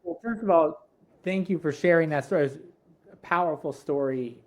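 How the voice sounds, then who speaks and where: A man hosts an interview podcast, with a voice that sits a little high for a man. He mostly listens, offering short affirming reactions, and then asks gentle, open questions. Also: normal speed. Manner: supportive, with short affirming responses. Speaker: podcast host.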